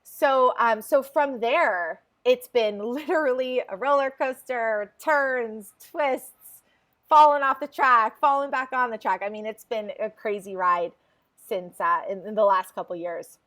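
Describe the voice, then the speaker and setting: A woman in her forties from New Jersey, her voice fairly high, a little slow and a bit bright. She's a podcast guest telling her story in a chatty, casual interview, laughing often and restarting phrases.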